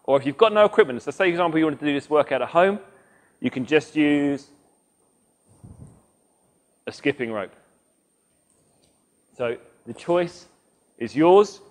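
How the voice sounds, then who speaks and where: A man's voice: a little high, animated, a little slow, long pauses. A man in his thirties, a fitness coach talking through exercises as he demonstrates them in a large indoor gym, on a lapel mic. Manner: instructive, demonstrates moves while talking. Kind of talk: workout demonstration.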